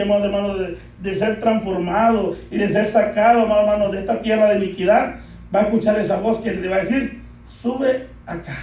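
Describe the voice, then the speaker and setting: In an echoey church hall, recorded from a distance, a man preaches a sermon to his congregation, repeatedly calling out "beloved brothers" and urging them to answer back. His voice is high-pitched and a little mellow.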